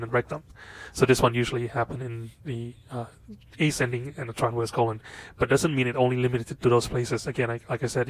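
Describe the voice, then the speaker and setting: A man with a nasal, stuffy voice from a cold, teaching a recorded lecture in a halting way with many fillers. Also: medium pitch, dry recording. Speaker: instructor.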